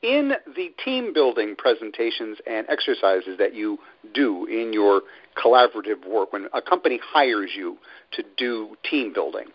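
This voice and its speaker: A man's voice: fairly low pitch, sing-song, normal speed, muffled recording. A man hosting a radio interview show, speaking emphatically and stressing single words. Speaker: radio show host and author.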